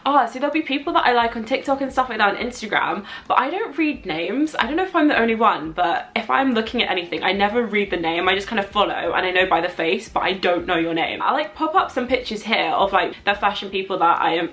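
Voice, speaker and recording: A woman's voice: medium pitch, a bit bright. Young London woman, rambling casual chat. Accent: London English. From London, England. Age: young adult. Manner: rambling, thinks aloud with frequent asides. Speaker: vlogger answering viewer questions. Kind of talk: casual chatty Q&A.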